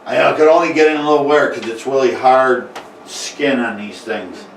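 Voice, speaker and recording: A man runs a home tabletop game, narrating in a halting way, full of fillers and false starts. His voice is of middling pitch. It sounds distant and roomy, with a faint hiss of noise underneath. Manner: halting, many fillers and restarts. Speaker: game master. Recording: echoey room, mic far off, faint noise.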